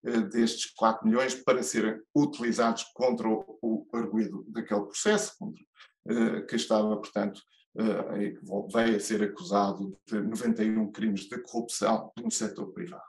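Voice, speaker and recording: A man's voice: lowish voice, flat delivery, normal speed, roomy sound. A man with a European Portuguese accent, a judge and lecturer giving a conference keynote, hesitant, with many fillers and restarts.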